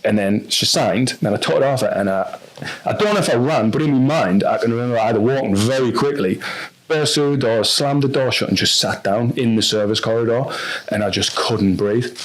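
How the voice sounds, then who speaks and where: Talking fairly fast in a mid-range voice, a North East English man shares a personal story on a podcast where he's a guest. His telling is candid and rambling, packed with fillers and false starts.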